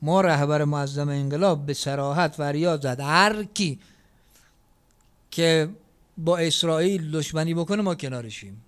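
High-voiced man preaching emphatically. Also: clean tone. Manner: emphatic, shifting between loud declaration and soft asides. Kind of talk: sermon.

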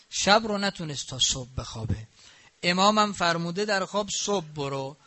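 A man's voice: fairly high pitch, sharp tone. A man preaching a sermon, telling stories in a conversational way and scolding with emphatic rhetorical questions. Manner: conversational, anecdotal narration. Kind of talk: sermon with storytelling.

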